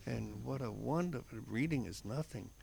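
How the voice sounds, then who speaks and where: A man's voice: mid-range voice, lively intonation, normal speed, gravelly, mellow, slight background noise. A man co-hosting a religious radio show, talking and reading devotions in an earnest, emphatic way.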